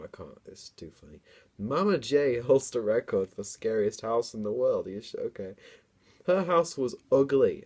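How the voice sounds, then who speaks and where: A young comedian gives a dramatic reading of a book he wrote as a child, breaking off for casual, self-mocking asides. His voice is on the low side, with a darkish tone.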